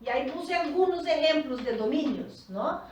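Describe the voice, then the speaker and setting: A woman coach whose native language is Portuguese teaches a group in Spanish, explaining slowly and often checking in with "¿tá?". Her voice is high-pitched, expressive and a little mellow, with a little hiss or hum. She is far from the mic in an echoey room.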